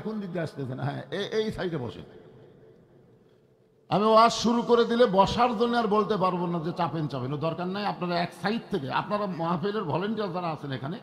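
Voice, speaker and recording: A man preaching a waz sermon to an outdoor gathering, calling out for crowd responses and rising into loud chanted lines. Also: sits high, expressive, long reverb tail. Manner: rises to loud drawn-out chanted peaks.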